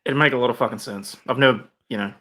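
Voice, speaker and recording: A man's voice: medium pitch, racing, pushed and bright. A man joining a casual livestream as a guest, swearing and bantering with laughter.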